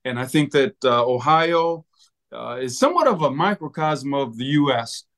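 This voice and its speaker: A man's voice: mid-range voice, expressive, normal speed, fairly bright tone. A man hosting an interview, asking questions and encouraging his guest in a friendly way. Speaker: host.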